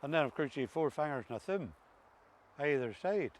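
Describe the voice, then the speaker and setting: A man's voice: fairly high pitch, animated, fairly quick. A man with an Ulster Scots accent from Northern Ireland, chatting casually as a co-host in a droll, folksy way. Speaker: co-host discussing dialect words. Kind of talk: casual humorous chat.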